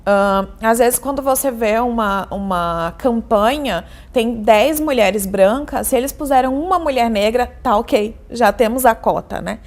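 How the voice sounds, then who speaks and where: A woman who works as a journalist and university lecturer gives an earnest, measured testimony in an interview, her voice a little high. She frequently ends her phrases with a questioning "né?".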